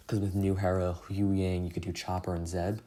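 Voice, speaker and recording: A young man talks through his mobile game progress in a loose, rambling recap. His voice sits low and sounds mellow rather than bright. He keeps filling gaps with "like" and "um" and is quick to laugh at his own mistakes. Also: little pitch movement. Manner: rambling, self-deprecating, many fillers. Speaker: gaming channel host. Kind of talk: casual gameplay recap.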